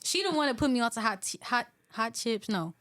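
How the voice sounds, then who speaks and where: A woman's voice: fairly high pitch, lively intonation, a little fast, a bit bright, dry recording. A young woman from Chicago and Atlanta, a guest on a casual podcast, talking in a laid-back, joking way.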